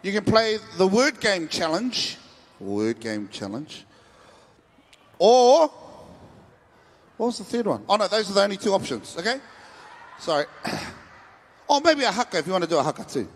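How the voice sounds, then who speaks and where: A man's voice: sits high, animated, normal speed, long pauses, in a large hall. A man with a Māori New Zealand accent hosting a live stage event, playful and informal as he calls out to the audience. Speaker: festival stage host.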